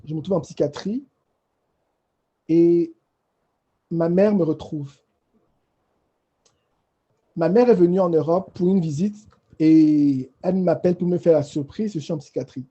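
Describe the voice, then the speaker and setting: A man with a high but very dark, husky voice tells his personal faith story on a panel. He speaks with emotion and halts often, circling back over the same phrases. The recording sounds dull and muffled. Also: measured pace, pauses often.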